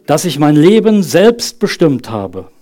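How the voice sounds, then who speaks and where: Guy in his 30s preaching in church, earnest and chatty, bit higher voice. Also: big pitch swings, unhurried, mellow. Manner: earnest, conversational preaching with rhetorical questions. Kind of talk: sermon. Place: church service.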